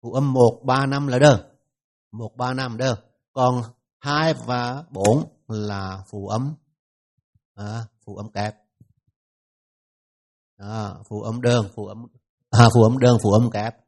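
This Vietnamese-accented man is teaching pronunciation to a class, saying every sound slowly and more than once. He speaks with a mid-range, somewhat mellow voice and keeps his intonation fairly even.

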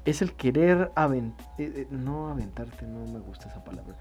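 Man, podcast co-host, mellow tone, lively and loose, faint music bed. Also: medium pitch, normal speed. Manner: animated, swearing, thinks aloud with restarts. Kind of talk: casual chat about song lyrics.

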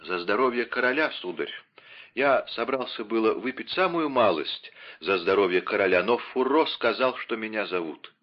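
A man's voice: fairly low pitch, expressive, normal speed. Guy doing scared sheepish servant, mumbly, dull lo-fi sound. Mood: frightened. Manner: mumbling, fearful. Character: frightened male servant, timid and sheepish. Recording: dull lo-fi audio.

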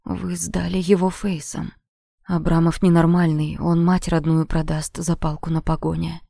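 A woman reading an audiobook, voicing a calm, gruff male bodyguard with a deep bass voice who talks in a steady, placating way. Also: moderate pace, dry recording, studio quality. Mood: blunt. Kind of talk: audiobook character voice.

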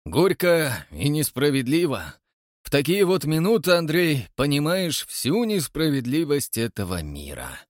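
A man's voice: a little high, huge pitch swings, a little slow, no echo, studio quality, pitched above the performer's own voice. A man voicing a pompous, grey-bearded old man posing as a count, grandiose and menacing. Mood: weary. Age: older.

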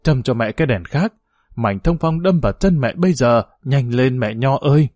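A man's voice: medium pitch, expressive, normal speed, darkish tone, no room sound, studio quality, close to an everyday voice. A man reading the part of an old half-blind village mother, fretful and nagging.

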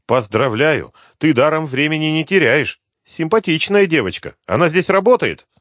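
A man's voice: on the high side, expressive, normal speed, a bit bright, dry recording, studio quality, voice pushed up. A man voicing a tough young female agent who barks orders in an audiobook. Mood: teasing. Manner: barked orders.

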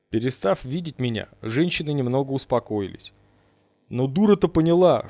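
A man reading a first-person audiobook in measured, dramatic storytelling. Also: medium pitch, darkish tone, no echo. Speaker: audiobook reader.

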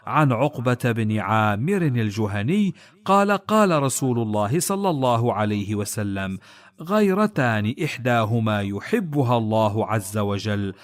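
Man reciting religious texts with lively pitch. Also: normal speed. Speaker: reader of hadith texts. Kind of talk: formal reading of religious texts.

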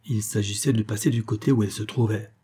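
Dark, husky male storyteller. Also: on the low side. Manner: measured, expressive storytelling. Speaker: narrator. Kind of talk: audiobook reading of a classic tale.

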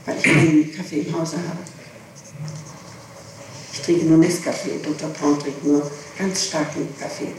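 This woman's voice sits low and barely moves in pitch; she talks at a normal pace with frequent pauses. She's insistently justifying herself under police questioning, recorded far off in an echoing room on hissy, distant archival tape.

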